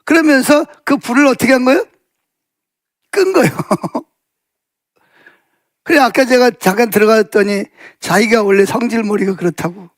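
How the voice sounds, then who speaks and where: A man preaches a Sunday afternoon sermon with a high-pitched voice that carries a gravelly rasp. He tells stories casually, with many fillers and asides, and lifts his voice to play out what others said. The sound is dry and close. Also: normal speed, pauses often, dry recording. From South Korea. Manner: acts out quoted speech with raised pitch. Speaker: pastor.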